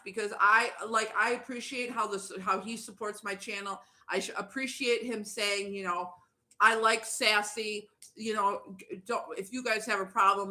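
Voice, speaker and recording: A woman's voice: medium pitch, pushed and bright. A woman livestreaming as a YouTuber, chatting in a blunt, profane, fired-up rant while eating. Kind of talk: casual ranting livestream chat.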